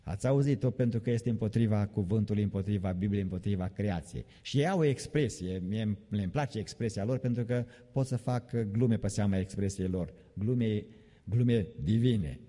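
Deep-voiced preacher in a reverberant hall. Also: male voice, dark tone. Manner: emphatic, repeats key phrases, mocking jokes. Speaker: pastor. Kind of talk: evening sermon. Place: church sanctuary. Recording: long reverb of a church hall.

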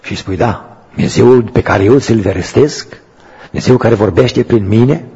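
A man preaches in a church, his voice very husky and breathy. The sound is muffled and dull, with a long hall reverb trailing each line. He tells a story quietly, then rises into loud, emphatic preaching. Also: lowish voice. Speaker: pastor. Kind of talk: sermon.

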